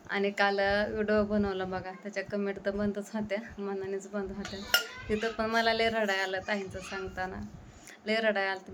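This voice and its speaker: A young woman chats at home, worn out and short of breath. Her voice stays flat and even, with little rise or fall. A faint household hum sits behind her. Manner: tired, breathless, low-key storytelling. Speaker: vlogger. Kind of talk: casual home vlog chat. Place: home kitchen.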